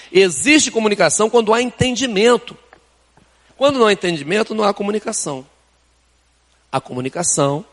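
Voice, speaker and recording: A man's voice: high voice, a bit bright, in a large hall. An older man with a Brazilian accent, preaching a sermon in a conversational style, with rhetorical questions and casual asides. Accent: Brazilian Portuguese. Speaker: pastor. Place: church sanctuary.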